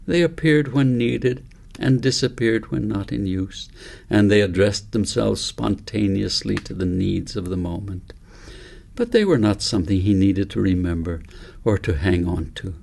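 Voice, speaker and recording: Narrating his own book like an audiobook, this author speaks in a fairly low register with a heavily gravelly, creaky texture. His phrasing is gentle and deliberate, measured like a storyteller's.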